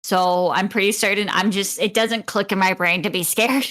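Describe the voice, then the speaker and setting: A young adult woman co-hosts a casual podcast, wandering from story to story in an easy, chatty ramble. Her voice is bright and forceful, sitting at an ordinary pitch for a woman. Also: steady tone, moderate pace. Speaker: podcast co-host. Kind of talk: casual chat.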